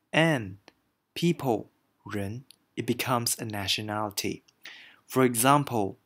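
A man from Malaysia teaching a beginner language lesson, saying each word slowly and carefully and repeating it for learners. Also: medium pitch, fairly bright tone.

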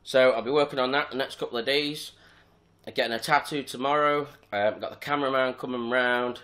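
A man's voice: mid-range voice, a little fast. Casual young man. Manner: relaxed, rambling, with fillers and restarts. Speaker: vlogger. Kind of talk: casual vlog chat.

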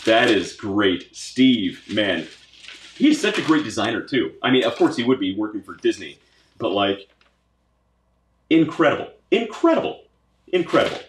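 In this one the same kind of host, a man with a lowish voice, gushes and repeats himself as he unpacks a gift box for his pipe tobacco channel's casual unboxing vlog. There's slight background noise and an echoey, roomy sound to the space.

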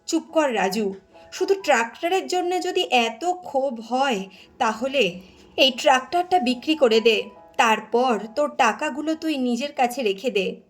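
A woman's voice: a little high, a little slow, faint music behind. A woman voicing a stern, firm older brother in a story.

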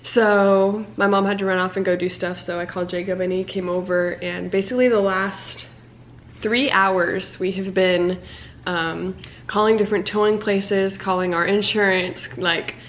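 A woman's voice: medium pitch, fairly even intonation, normal speed, slight background noise. A young woman chatting casually in a vlog, giggling often between lines. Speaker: vlogger.

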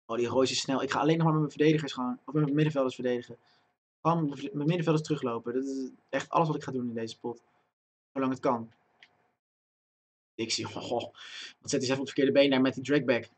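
A young man giving live commentary on his own football game, chatting to viewers and breaking into loud excited yells at big chances. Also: medium pitch, fast talker. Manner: talks to himself and chat, bursts into loud excited shouting at chances. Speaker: gaming streamer. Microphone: desk microphone.

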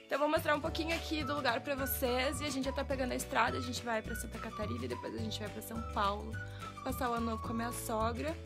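Young Brazilian woman vlogger, grating morning voice, sleepy, slightly high, light music behind. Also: steady tone, rapid-fire. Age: young adult. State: sleepy, just woke up. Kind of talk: casual vlog chat. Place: outdoors by a brick cabin porch. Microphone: phone at arm's length.

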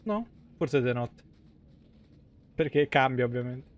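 Here the streamer's voice sits at medium pitch, animated yet unhurried, though the audio is dull. He's a man in his thirties doing casual, crude, joking live commentary on a game from a small indoor room at home, close to his streaming mic.

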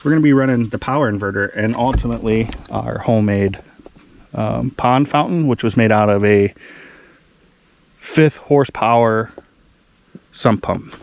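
A man's voice: medium pitch, normal speed, gravelly, pauses often, dull audio. A man hosting a do-it-yourself video outdoors in a wooded yard, explaining his project in a plain conversational way with fillers, recorded on a body-worn camera. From Ohio. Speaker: DIY outdoors channel host. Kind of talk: casual how-to explanation.

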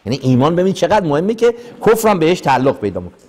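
Religious teacher, male, slightly high voice, animated lecturing with rhetorical questions. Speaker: teacher of mystical texts. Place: lecture hall in Vancouver.

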